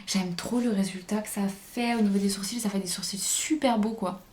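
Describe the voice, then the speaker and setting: A woman's voice: mid-range voice, steady tone, a little fast, over loud music. A woman vlogger chatting casually through a makeup tutorial, hesitant and thinking aloud as she goes. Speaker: beauty vlogger.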